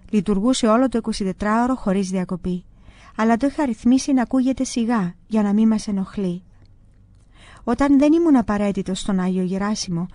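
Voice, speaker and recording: A woman reads a religious book aloud in a calm, even first-person narration. Her voice is mellow and warm, sitting at a middle pitch. The recording is dry and close, with no room sound. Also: no echo. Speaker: audiobook reader.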